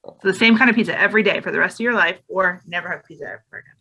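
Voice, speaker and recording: A woman's voice: lowish voice, rapid-fire, gravelly, bright, forceful tone, slightly rough. A talkative woman chatting on a podcast, speaking with emphasis. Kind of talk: casual chat.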